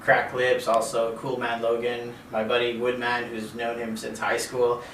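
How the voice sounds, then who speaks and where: A man, a chef and caterer from Canada, talking casually in an interview, relaxed, with many fillers and repeated phrases. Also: medium pitch, unhurried. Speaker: interview guest. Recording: roomy, distant from mic, faint noise.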